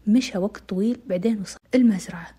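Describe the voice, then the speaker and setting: A woman's voice: medium pitch, quick pace, warm tone, slightly rough. A woman narrating a dramatic first-person story in an intimate way, slipping into whispers. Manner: intimate, dips into whispers at tense moments.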